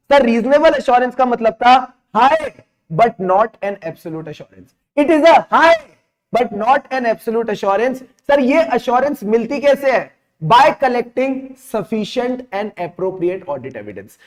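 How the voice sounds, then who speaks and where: A young man teaching a live online exam revision class, energetic and repeating each line while mixing English terms into his Hindi. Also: very high-pitched.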